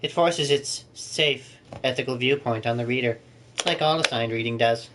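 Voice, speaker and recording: A man's voice: mid-range voice, moderate pace, fairly bright tone, slight background noise, natural voice. A man doing a snobby bookish boy bird. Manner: aloof, bored, condescending.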